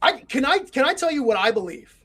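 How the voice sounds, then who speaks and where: Middle-aged guy chatting on a podcast, lively, keeps doing little voices for stories. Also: very high-pitched, a little fast, husky. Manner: animated storyteller, acts out quotes. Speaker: co-host. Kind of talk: casual chat.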